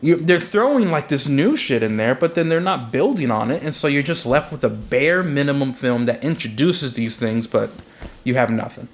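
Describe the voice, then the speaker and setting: Speaking at medium pitch and a moderate pace, a young podcast co-host talks casually about a movie. He gets animated, performs his reactions, and swears a lot.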